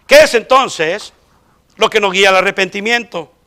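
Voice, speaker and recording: Male pastor, high voice, bright, emphatic sermon delivery. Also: moderate pace. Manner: emphatic preaching, rising sharply when quoting voices. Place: church sanctuary.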